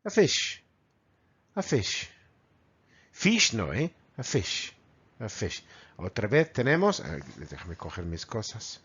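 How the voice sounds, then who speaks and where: A man with a Spanish accent from Spain teaching English vocabulary to children, repeating words slowly and mimicking animal sounds. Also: on the low side, wildly swooping pitch, a bit bright, slightly rough, highs cut off. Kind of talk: bilingual vocabulary lesson.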